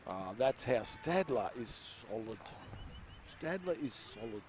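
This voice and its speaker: A man's voice: mid-range voice, a little slow. A man with an Australian accent doing casual, joking commentary of a school football match outdoors. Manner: chatty, joking, lively banter. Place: outdoor sports ground. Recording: noisy outdoor livestream.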